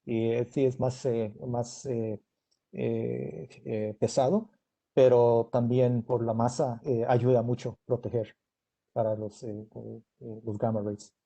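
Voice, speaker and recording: A middle-aged Mexican-American man, a native English speaker with an American accent, answering as a guest engineer at a technical talk, haltingly searching for words in Spanish. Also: medium pitch, fairly even intonation, creaky, mellow, rough recording.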